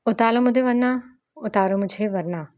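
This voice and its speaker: A woman's voice: fairly high pitch, unhurried, lo-fi sound, pitched above the performer's own voice, lightly acted. A woman voicing a stubborn little boy who talks in lisping baby talk.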